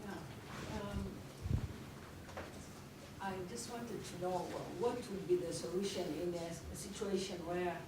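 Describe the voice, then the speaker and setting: A man from Tanzania in the audience asking a question in a lecture, hesitant and halting with restarts. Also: high-pitched, fairly even intonation, heavy background noise. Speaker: course participant asking a question. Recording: echoey room, far from the mic.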